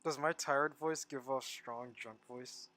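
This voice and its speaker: A man's voice: mid-range voice, steady tone, takes it slowly, sharp tone. Tired young man streaming, rambling. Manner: rambling, laughing, trailing off mid-sentence. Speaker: game streamer. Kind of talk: casual live-stream chat.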